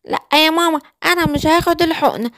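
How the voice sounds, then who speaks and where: A stubborn little giraffe girl from a children's cartoon, talking back defiantly in Egyptian Arabic, as a woman puts her on. She has a high, childish voice. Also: fast talker, fairly bright tone, no room sound, studio quality.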